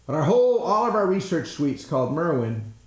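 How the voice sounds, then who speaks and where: Animated, blunt male innovation trainer. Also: fairly high pitch, a little fast, reverberant. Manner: blunt, folksy, emphatic, mild swearing. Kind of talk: energetic motivational presentation.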